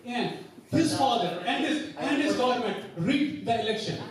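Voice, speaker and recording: Insistent high-pitched Kashmiri-accented man in echoey hall. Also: lively intonation, normal speed. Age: middle-aged. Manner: insistent, confrontational, repeats phrases. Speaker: audience questioner. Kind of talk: impassioned challenge from the floor at a public talk. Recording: very echoey hall, distant mic, crowd noise.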